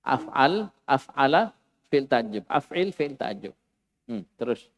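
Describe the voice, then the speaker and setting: Animated male Arabic teacher, echoing room. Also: mid-range voice, takes it slowly. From Indonesia. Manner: lively, animated, acts out exclamations. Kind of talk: classroom grammar lesson.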